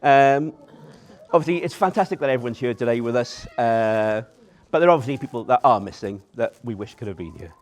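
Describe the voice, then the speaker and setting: A man's voice: medium pitch, lively intonation, brisk. A man giving an informal best man's speech to wedding guests, nervous, self-deprecating and joking as he goes. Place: wedding reception in front of seated guests.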